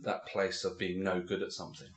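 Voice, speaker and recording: A man in his forties from England, co-hosting a podcast and telling stories in a casual, animated way with lots of fillers. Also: sits low, brisk, roomy sound. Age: 40s. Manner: animated storytelling, many fillers and restarts. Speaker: podcast co-host. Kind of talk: casual chat.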